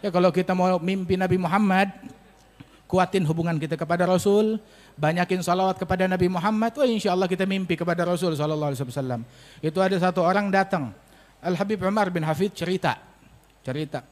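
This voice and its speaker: Preacher guy, high voice, lively sermon, echoey hall. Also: fast talker. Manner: animated, rhetorical questions, colloquial. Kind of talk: sermon at a religious gathering.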